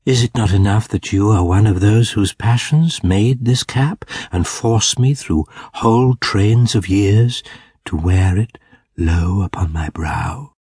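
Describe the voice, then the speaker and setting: A solemn, ancient spirit from a storybook, as a man acts it. The voice is soft, low and husky, gentle yet commanding. It moves slowly and with measured weight. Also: no room sound, studio quality, heavily acted. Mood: stern.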